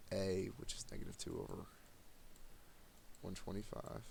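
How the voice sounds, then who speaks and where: A tired man teaching math to his students in a recorded lesson, speaking in a monotone and addressing the class directly. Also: sits low, normal speed, creaky, slight background noise.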